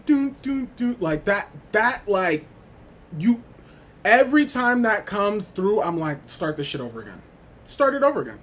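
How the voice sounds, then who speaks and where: A man's voice: sits high, fairly bright tone, breathy edge. A man ranting wildly and casually as a music reviewer, sassy and slangy, swearing and repeating himself for emphasis. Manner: wild, over-the-top ranting with emphatic repetition. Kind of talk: unhinged casual rant ranking album tracks.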